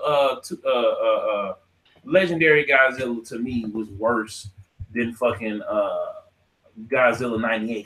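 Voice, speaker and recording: An American man hosts a podcast, his mid-range voice a bit bright on a rough recording. He debates movies and games casually, profane and slangy, arguing, interrupting, and repeating himself for emphasis.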